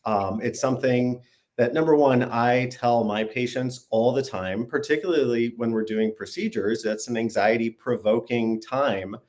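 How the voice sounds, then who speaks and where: Middle-aged guy from around detroit, a bit hoarse, friendly guest on a video call. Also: medium pitch, moderate pace, darkish tone. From Detroit area, Michigan. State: slightly hoarse. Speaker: guest, medical doctor. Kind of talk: casual interview chat.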